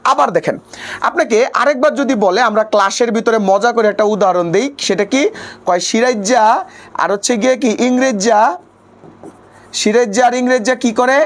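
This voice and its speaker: A man's voice: extremely high pitch, normal speed. Young bangladeshi guy teaching online class, keeps asking and answering his own questions, same filler over and over. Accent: colloquial Bangladeshi Bengali. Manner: drilling question-and-answer, repeats a habitual filler phrase. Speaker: exam-prep teacher.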